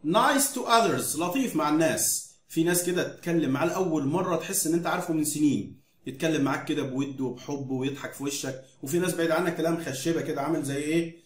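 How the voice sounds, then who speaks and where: A man teaching English words to children in Egyptian Arabic, repeating each word slowly so that pupils can say it back. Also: on the high side, steady tone, reverberant. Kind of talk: vocabulary drill lesson for children.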